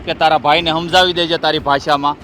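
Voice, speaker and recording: A heated, indignant brother. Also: male voice, on the high side, little pitch movement, fast, bright, forceful tone, slight background noise. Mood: aggrieved. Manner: aggrieved, heated. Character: indignant man defending his insulted sister. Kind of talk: village family stage drama.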